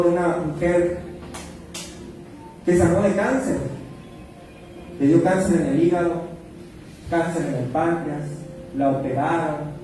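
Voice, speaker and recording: A man's voice: on the high side, slight background noise. A man, a pastor telling a personal testimony in a sermon, recorded from a distance in a church hall with music behind. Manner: storytelling, animated when acting out quotes.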